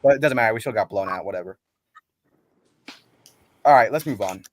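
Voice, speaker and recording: Young guy hosting a sports chat, talks super fast, dry close sound. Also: on the low side, no echo. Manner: fast, excitable, slangy ranting. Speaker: podcast host.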